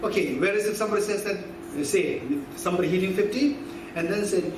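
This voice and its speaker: A man's voice: high voice, quick pace. A man in his fifties teaching Buddhist philosophy to an audience in a conversational way, quizzing listeners and repeating key phrases. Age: 50s. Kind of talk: teaching talk with audience questions. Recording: echoey hall from far off with background noise.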